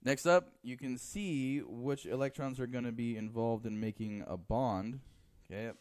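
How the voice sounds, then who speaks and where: A man's voice: mid-range voice, a little slow, a little mellow. A man teaching chemistry in a classroom, joking with students and counting aloud as he draws. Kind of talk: classroom lecture.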